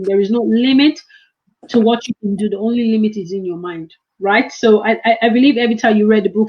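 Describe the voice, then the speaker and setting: A woman's voice: medium pitch, a little mellow, highs cut off. A woman hosting an online event as an author, talking in an encouraging, rambling way. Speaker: host and author.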